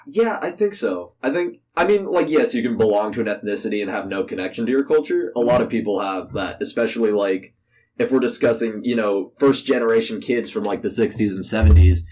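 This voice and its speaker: This young adult from the United States sounds animated and a touch fast, with a lowish, slightly mellow voice. Guesting on a podcast, he gives informal, meandering replies peppered with "like."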